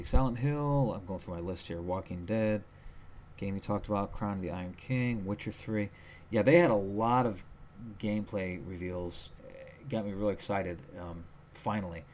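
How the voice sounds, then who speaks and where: A man's voice: low-pitched, a little hiss or hum. A man co-hosting a gaming podcast, chatting casually and rambling with lots of fillers and restarts. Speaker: podcast co-host. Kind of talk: casual chat.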